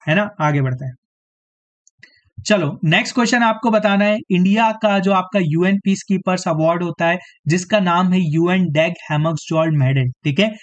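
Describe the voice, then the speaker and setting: Leading an online quiz for exam students at normal speed, this coaching teacher has a fairly high voice that's a bit hoarse, and he clears his throat at times. He addresses viewers directly, tagging his points with "theek hai," and the sound is dull and lo-fi like a streamed lesson.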